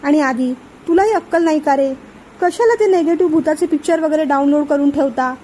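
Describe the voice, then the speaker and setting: A woman's voice: sits high, a little fast, dark tone, slight background noise, close to an everyday voice. A woman reading a stern elder brother's lines in a curt, scolding way.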